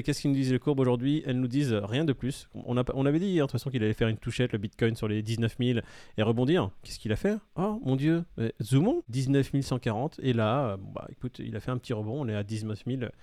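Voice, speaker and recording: A man hosting a crypto news show, running through headlines briskly with teasing jokes. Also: medium pitch, darkish tone, no echo, clean studio sound. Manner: brisk, teasing, punchy delivery. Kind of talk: fast news rundown with jokes.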